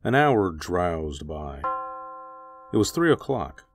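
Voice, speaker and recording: A man narrating a scripted radio drama in a measured, literary storytelling manner. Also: low voice, very animated, gravelly, soft background music.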